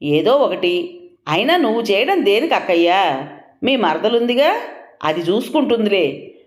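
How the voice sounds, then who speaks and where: A weary middle-aged husband tries to reason with his wife, patience worn thin, as a woman narrator voices him. The lines rise and fall with lively pitch in an echoey room. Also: unhurried. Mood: exasperated. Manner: irritated, placating.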